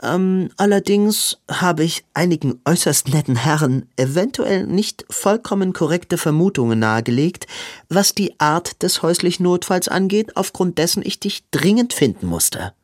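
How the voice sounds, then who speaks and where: A man voicing a hurried, flustered young woman, the hero's sister. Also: fairly low pitch, big pitch swings, darkish tone, no room sound, clean studio sound, pitched above the performer's own voice. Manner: breathless, hurried pleading.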